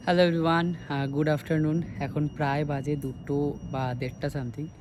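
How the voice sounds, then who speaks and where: A man's voice: fairly high pitch, flat delivery, moderate pace, background noise. A man with a Kolkata Bengali accent, a vlogger and dance teacher, chatting casually in a rambling way and mixing in English phrases. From India. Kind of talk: casual vlog chat.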